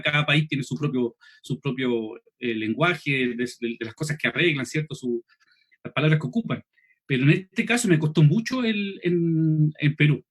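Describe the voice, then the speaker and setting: Chilean man, high and slightly husky, running an online preaching class; quick, clipped delivery. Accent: Chilean Spanish. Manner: quick, clipped speech, swallows final S, frequent "¿cierto?" checks. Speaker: preaching instructor. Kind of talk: online seminar lesson.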